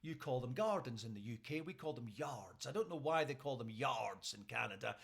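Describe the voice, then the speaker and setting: A man's voice: medium pitch, animated, fairly quick, gravelly, fairly bright tone. A Scottish man, a radio host, telling a story casually on a live stream and checking in with his listeners. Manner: chatty, keeps checking in with listeners.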